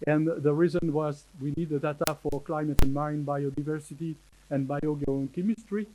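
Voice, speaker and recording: A man with a French accent, a native French speaker, giving a conference presentation in English, halting, with many fillers and restarts. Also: on the high side, fairly even intonation, dark tone, a little hiss or hum, rough recording. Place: conference hall.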